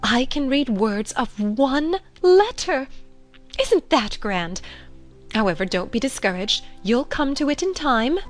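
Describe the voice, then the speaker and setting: Woman acting dithering storybook queen, timid, muddled, nervous rambling, fairly high voice, faint music. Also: expressive, slow. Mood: confiding. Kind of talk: dramatized audiobook acting.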